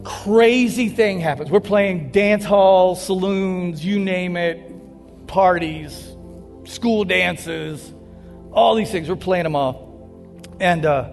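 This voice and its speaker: High-voiced preacher in a reverberant hall. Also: male voice, takes it slowly, creaky. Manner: animated storyteller, joking with the crowd. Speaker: pastor. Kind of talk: sermon. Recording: long hall reverb with faint music.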